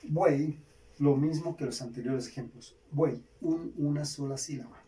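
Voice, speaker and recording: A Colombian man teaching a grammar lesson, slowly repeating key words for students to write down. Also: a little high, warm tone. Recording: distant mic, faint background hiss.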